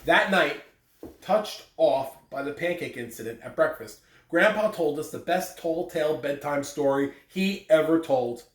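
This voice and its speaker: A man with a voice on the high side and lively intonation talks a little slowly, speaking simply and directly to children, as in school morning announcements and story read-alouds. The recording has an echoey room, a distant mic, and faint noise.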